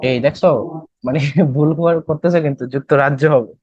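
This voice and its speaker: A man's voice: fairly high pitch, fairly even intonation, fairly quick, dry recording, highs cut off. A young man with a Bangladeshi accent teaching an English class for admission tests, explaining in Bengali with English terms and quizzing students. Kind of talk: classroom lecture.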